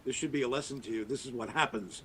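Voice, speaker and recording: A crowd can be heard in the background as a middle-aged man talks fast on a podcast, holding forth at length with emphatic opinions and wide pitch swings.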